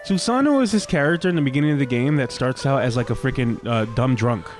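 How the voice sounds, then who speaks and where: A man's voice: mid-range voice, lively intonation, quick pace, faint music behind. Joking slangy gaming guy. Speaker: co-host of a gaming podcast. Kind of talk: casual gameplay commentary.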